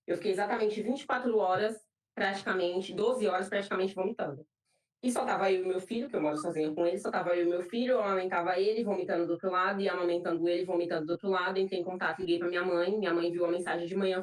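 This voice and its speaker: A woman's voice: fairly low pitch, steady tone, quick pace. A young woman with a Brazilian accent giving an emotional personal testimony in church, repeating phrases for emphasis. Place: church hall. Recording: roomy, from a distant mic.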